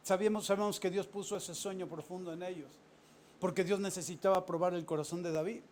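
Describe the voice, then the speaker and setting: A man, a pastor, giving a sermon with animated storytelling and casual asides to the congregation. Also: high voice, quick pace, slight background noise.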